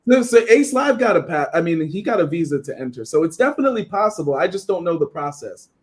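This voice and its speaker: A man's voice: on the high side, very animated, quick pace. Rambling man in a casual chat. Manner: rambling, restarts, frequent "you know what I mean". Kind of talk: casual live-stream chat.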